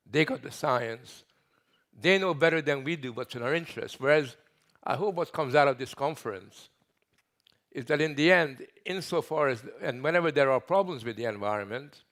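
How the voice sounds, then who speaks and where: A man's voice: medium pitch, a bit bright. Older Hungarian-born man giving an emphatic speech. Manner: emphatic, building lists with pauses. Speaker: conference speaker. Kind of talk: welcome speech at a conference. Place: conference hall, at a lectern. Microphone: headset mic.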